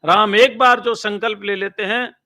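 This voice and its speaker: A swami giving a slow, measured religious discourse, chanting Sanskrit verses and explaining each one. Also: male voice, high-pitched, steady tone, sharp tone.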